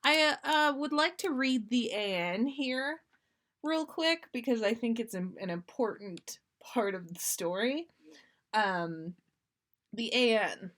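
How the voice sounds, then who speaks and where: A woman with a fairly high voice reads fan fiction on a livestream, hosting her podcast in an amused, expressive storytelling manner.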